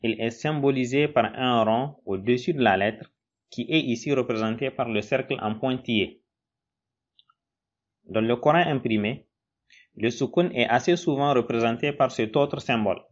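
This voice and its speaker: A man teaching in a recorded lesson, slow and patient, spelling out syllables one by one. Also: medium pitch, highs cut off. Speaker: Quran reading teacher.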